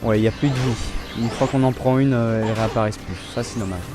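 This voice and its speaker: A young man hosting a let's play, talking casually about his gameplay in a relaxed, chatty way and often restarting his sentences. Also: mid-range voice, fast talker, over music.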